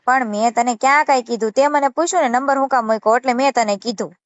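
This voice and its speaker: Talking fast in a high-pitched voice, a channel creator with a Saurashtra Gujarati accent argues forcefully on a call, repeating her scolding. The phone audio is muffled and has no echo.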